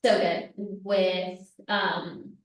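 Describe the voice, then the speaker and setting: A woman from Puerto Rico co-hosting a casual podcast, relaxed, mixing in Spanish phrases. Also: lowish voice, drawn-out words, recorded from a distance. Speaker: podcast co-host. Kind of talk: casual chat. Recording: echoey room, off-mic.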